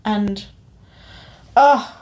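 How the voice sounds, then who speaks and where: A young Indonesian woman co-hosting a podcast chats about a show she saw in a casual review. Her medium-pitched, slightly mellow voice draws out words as she talks enthusiastically and a bit ramblingly.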